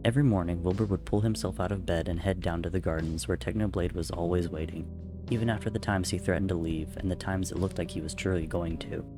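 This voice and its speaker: Deep-voiced man giving a dramatic story reading. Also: fairly even intonation, fast, over music. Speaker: narrator reading a story aloud. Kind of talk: dramatic reading of narrative fiction.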